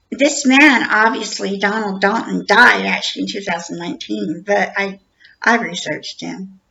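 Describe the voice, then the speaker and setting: Gravelly-voiced woman telling her story. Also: fairly high pitch, sharp tone. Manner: earnest, repetitive, acts out dialogue. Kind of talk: personal account told to camera. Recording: dull lo-fi recording.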